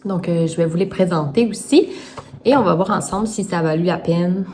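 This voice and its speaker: Quebec French woman, lowish voice, chatty vlogger showing her books to camera, faint background hum. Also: brisk, a little mellow. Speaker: self-published children's book creator. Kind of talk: casual vlog talk to camera.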